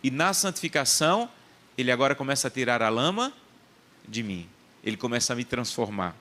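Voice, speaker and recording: A man's voice: medium pitch, very animated, fairly quick, pushed and bright. A male pastor delivering a sermon, emphatic and repetitive, mixing personal anecdotes with scripture teaching.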